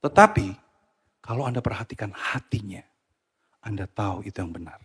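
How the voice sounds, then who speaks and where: A man preaching a sermon to a church congregation, animated and often slipping English phrases into his talk. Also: fairly low pitch, normal speed, husky. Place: church hall.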